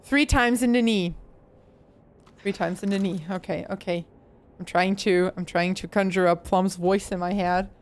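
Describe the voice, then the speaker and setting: A woman's voice: medium pitch, steady tone, moderate pace. A young woman streaming a horror game, chatting casually, swearing and yelping when startled. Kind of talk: casual live gameplay chatter.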